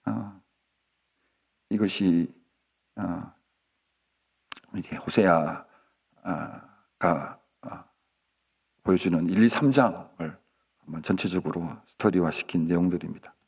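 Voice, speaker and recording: A man preaching at a dawn prayer service, telling a story dramatically and swinging between loud outbursts and hushed asides. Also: low voice, slow, gravelly, pauses often, slightly rough. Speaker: pastor.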